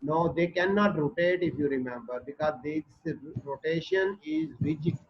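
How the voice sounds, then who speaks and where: A man's voice: a little high, normal speed. A man with a North Indian accent giving a classroom chemistry lecture, explaining and checking understanding with short tag questions. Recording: dull muffled audio with background noise.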